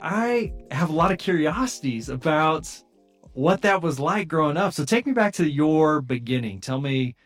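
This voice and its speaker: Male podcast host, eager intro, music playing clearly under the voice. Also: fairly high pitch, animated, normal speed. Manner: enthusiastic, warm welcoming. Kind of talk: podcast interview hosting. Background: music bed.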